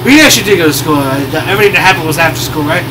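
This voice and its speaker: A man with a high, lively voice chats casually as a gaming co-host. He is exclamatory and slangy, and sounds set back from the mic in a noisy recording. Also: rapid-fire, distant mic. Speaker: let's play co-host.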